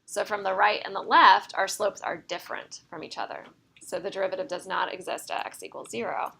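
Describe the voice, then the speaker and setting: A woman teaching math speaks briskly in a mid-range voice with fairly even intonation, bright and gravelly with a forceful edge. She goes step by step, checking in with "right?", though her voice is slightly worn. Light background noise is present.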